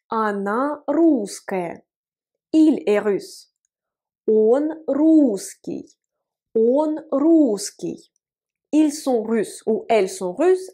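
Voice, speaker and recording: A woman teaching an online language lesson, spelling words letter by letter and saying example words slowly and carefully. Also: on the high side, mellow. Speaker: Russian teacher. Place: room with whiteboard.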